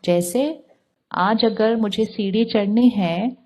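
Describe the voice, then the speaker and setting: A woman giving a calm spiritual talk, putting questions to her listeners and answering them herself. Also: medium pitch, slow. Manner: calm, asks the audience rhetorical questions. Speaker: spiritual teacher.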